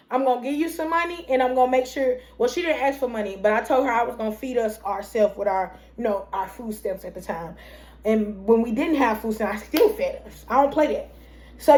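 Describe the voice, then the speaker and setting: A young woman tells a long personal story to her viewers. She rambles, circles back and keeps calling them "y'all". Her voice sits a bit on the high side. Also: darkish tone. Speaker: vlogger telling her story. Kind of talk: casual storytime monologue.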